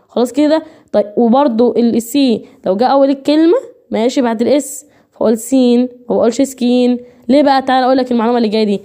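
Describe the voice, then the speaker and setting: A woman's voice: high-pitched, warm tone. A woman with an Egyptian accent teaching English online, repeating and drilling each point while addressing her students directly. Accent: Egyptian Arabic. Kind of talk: online lecture.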